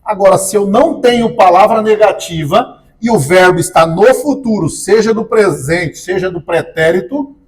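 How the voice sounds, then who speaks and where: A Brazilian man teaching an exam-prep grammar lesson, jokey, asking the class questions and answering them himself, spelling out example words slowly and loudly. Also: high voice.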